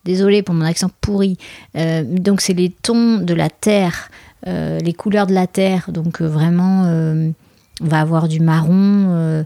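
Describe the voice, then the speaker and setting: A woman who plans weddings, giving casual advice in a chatty way with many small pauses and asides. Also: lowish voice, gravelly, dark tone, no echo. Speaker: wedding planner. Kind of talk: casual podcast talk.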